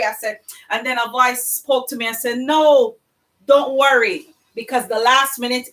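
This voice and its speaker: Lady hosting a live cooking stream, high voice, chats away to her viewers. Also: a bit bright, poor audio. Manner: chatty, effusive, talks to viewers. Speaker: cooking show host.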